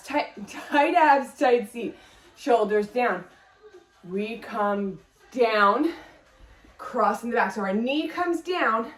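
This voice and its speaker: A woman's voice: fairly high pitch, echoey room, far from the mic. A woman fitness instructor leading a workout class, upbeat as she counts reps and cues form while exercising along.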